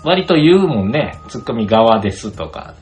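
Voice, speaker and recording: A man's voice: mid-range voice, very animated, normal speed, darkish tone, faint music behind. A man with a Kansai accent teasing his friends in a casual video-call chat. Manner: teasing, banters in Kansai style. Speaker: podcast co-host.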